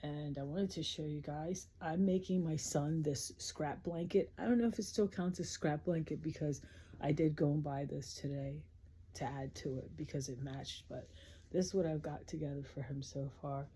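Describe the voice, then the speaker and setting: A woman's voice: low voice, moderate pace, dark tone, a little hiss or hum. A middle-aged woman chatting casually at home late at night as she crochets, rambling and blunt and swearing freely. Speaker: crafting vlogger.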